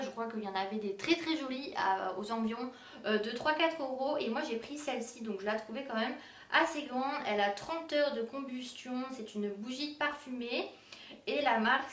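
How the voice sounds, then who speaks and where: Young woman, fairly high voice, many fillers, echoey room, distant mic. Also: fairly bright tone. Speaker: beauty and decor vlogger. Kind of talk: casual haul video. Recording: roomy echo, distant mic.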